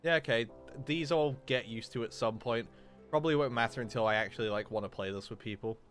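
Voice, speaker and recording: A man's voice: mid-range voice, quick pace, fairly bright tone, faint music behind. A man casually thinking aloud while streaming a game live, rambling and reacting to what he sees. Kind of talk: live gameplay commentary.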